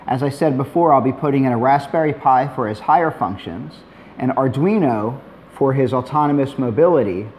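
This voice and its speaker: Middle-aged male tutorial host, mid-pitched, easygoing and plainspoken, faint noise behind. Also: fairly quick. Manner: relaxed, plainspoken, dry asides. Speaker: maker demonstrating a robot build. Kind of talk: tutorial narration.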